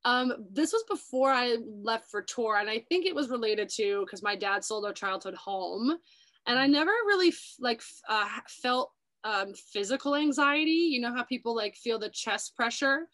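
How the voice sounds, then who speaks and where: A woman's voice: a little high, lively intonation, normal speed, a bit bright. A young woman hosting a casual chat, talking loosely with lots of filler words. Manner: chatty, many "like" fillers. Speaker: YouTube host. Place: New York City.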